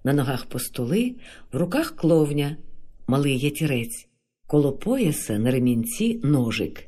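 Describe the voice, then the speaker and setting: A man reading a play aloud as narrator, in an expressive, lilting way. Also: a little high, breathy edge.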